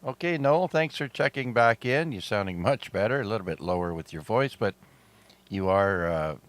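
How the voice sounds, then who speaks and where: A middle-aged Canadian man acts as net control host for an amateur radio net, chatting easily with plenty of fillers. His fairly low voice has lively intonation and a moderate pace, and his throat sounds slightly sore.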